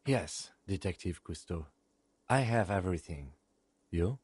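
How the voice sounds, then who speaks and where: Low husky calm cop lieutenant, short flat lines, dry sound. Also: male voice, measured pace, no echo, heavily acted. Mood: calm, businesslike.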